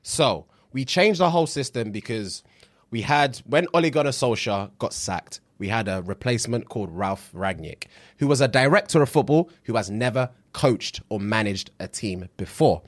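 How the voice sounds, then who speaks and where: A young man with a London accent and street slang, having a casual podcast rant about football as co-host. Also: medium pitch.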